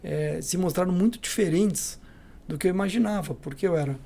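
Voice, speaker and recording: A middle-aged Brazilian man with a Brazilian Portuguese accent, a company CEO telling lively anecdotes as a podcast guest, acting out the dialogue. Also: high-pitched, a little fast, vocal fry. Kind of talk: storytelling in a podcast interview.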